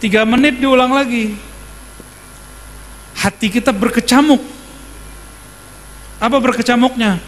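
A man's voice: extremely high pitch, a little slow, long pauses, long reverb tail, slight background noise. A man preaching a sermon in a conversational way, often putting questions to his audience.

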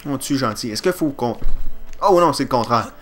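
A man with a Quebec French accent doing let's play commentary, excitable and jokey, swearing and yelping at the game. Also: medium pitch, normal speed, soft background music.

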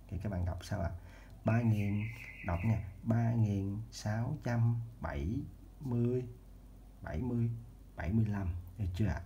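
A man's voice: lowish voice, gravelly. A man giving a casual children's math lesson, repeating steps and checking in with the viewers often. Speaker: math teacher. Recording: dull lo-fi home recording with faint noise.

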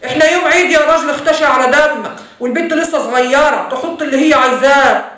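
A woman's voice: high-pitched, fast talker, fairly bright tone. A woman with an Egyptian accent playing a protective mother who scolds her husband on behalf of their daughter. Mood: scolding. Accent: Egyptian Arabic. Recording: roomy echo, voice from off-mic.

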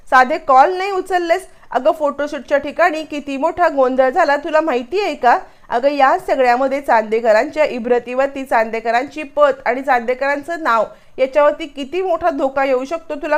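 A woman voicing a headstrong young bride who presses hard with questions. The voice is high and insistent, read in a storyteller's plain way. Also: natural voice. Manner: demanding, confrontational.

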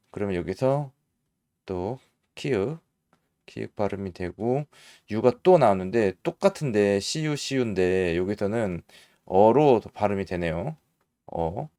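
Middle-aged man, slow, dry close mic, casual teacher thinking aloud. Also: lowish voice, mellow, no echo. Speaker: English teacher for mothers. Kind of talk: casual explanatory lesson.

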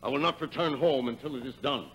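An actor playing a stern, powerful king who speaks in a measured, commanding way in 1950s stage tragedy style. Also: medium pitch, a bit bright, slightly rough, rough recording.

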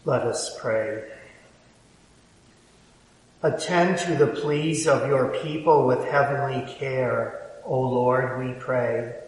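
A man leading Mass as a priest, intoning the liturgical prayers in a slow, measured way, heard with a cathedral echo. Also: medium pitch. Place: large cathedral, indoors. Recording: echoey cathedral from far off.

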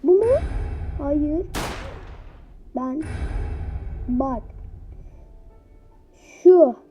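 Woman gamer doing lets play commentary, slow talker, teasing and laughing a lot, muffled lo-fi mic. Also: high-pitched, soft background music. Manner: excitable, teasing, laughs often. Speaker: gaming YouTuber. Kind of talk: casual let's-play commentary. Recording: dull lo-fi home recording.

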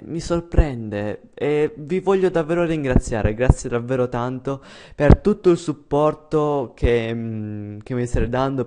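A man's voice: mid-range voice, noisy background. A young man from Italy giving a casual, unscripted YouTuber update, rambling and hesitant with self-deprecating remarks.

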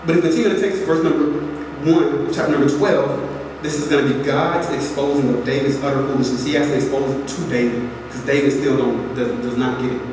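A man's voice: mid-range voice, steady tone, fairly quick. A young man preaching a sermon from a pulpit, earnest and direct, repeating phrases for emphasis. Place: large church sanctuary. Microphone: pulpit mic, filmed from far back in the pews. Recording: echoey hall from far off, audible noise.

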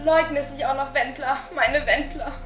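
An anxious, reproachful mother, played by a young woman in an amateur film drama. She repeats herself insistently in a high voice. The sound is echoey, with faint music underneath. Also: fairly even intonation, normal speed, fairly bright tone. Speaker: amateur actor.

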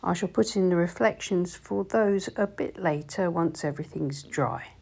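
A woman, calmly explaining each step of a watercolour painting tutorial in voice-over. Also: fairly low pitch, moderate pace, vocal fry, husky. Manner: calm, explanatory, gently instructive. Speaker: watercolour teacher.

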